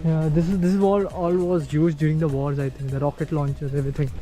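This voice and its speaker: A man's voice: a little high, little pitch movement, quick pace, warm tone, soft background music. A man vlogging casually outdoors as he sightsees, slangy and sweary, calling his companion bro and dude. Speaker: travel vlogger. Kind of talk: casual chat while sightseeing. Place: outdoors at a tourist site.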